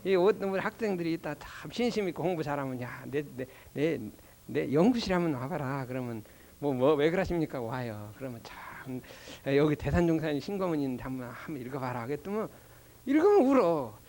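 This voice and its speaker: An older man, a Won Buddhist minister, giving a doctrine lecture with animated storytelling and rhetorical questions. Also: on the high side. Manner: slow chanting recitation of prayer.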